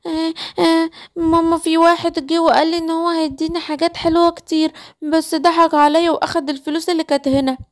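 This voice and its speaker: A woman with an Egyptian Arabic accent voicing a scared little girl calf in a children's cartoon story, with a high childish whine. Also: flat delivery, fast. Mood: worried.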